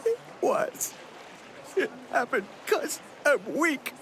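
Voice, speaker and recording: A man's voice: very high voice, big pitch swings, takes it slowly, a bit bright, a little hiss or hum, exaggerated voice. A man voicing a weak, defeated young man who talks tearfully in an anime clip.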